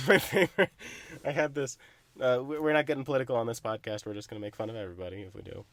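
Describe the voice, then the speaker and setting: A young man co-hosting a podcast in casual chat, swearing freely, animated and laughing often. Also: mid-range voice, quick pace, dry recording. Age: young adult. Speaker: podcast co-host.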